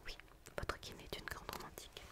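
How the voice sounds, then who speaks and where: Whispering woman in a soothing role-play. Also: normal speed. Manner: hushed library-like whisper, repeating phrases soothingly. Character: quirky, gentle female book physiotherapist attending a patient. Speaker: ASMR performer playing a book therapist.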